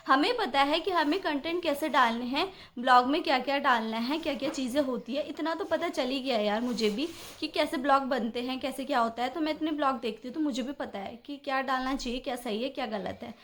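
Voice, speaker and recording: A young adult woman vlogging about a family dispute, upset and indignant, talking in long rambling runs full of fillers. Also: high voice. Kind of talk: emotional personal vlog rant.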